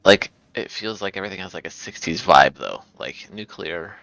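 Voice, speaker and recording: A man playing a video game in casual chat, tired from an early start, excitable, with mumbled asides and sudden bright outbursts. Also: deep voice, moderate pace, gravelly, dry recording, highs cut off. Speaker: gamer playing. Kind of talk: casual let's play chat.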